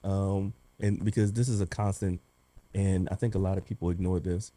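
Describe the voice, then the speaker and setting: A man co-hosting a casual talk show. His voice is low and very dark. He jokes with his co-hosts, then lays out his points in earnest. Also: fairly even intonation, normal speed, no echo. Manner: teasing, then earnest when explaining. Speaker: podcast host, real estate agent. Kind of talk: casual group chat.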